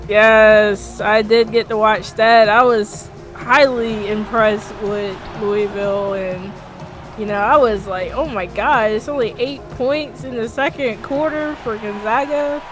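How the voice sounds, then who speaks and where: A woman provides upbeat, chatty color commentary in casual sports banter, laughing easily and filling her speech with fillers and lots of "likes." Her voice is fairly high and steady in tone, she speaks slowly, and music plays in the background.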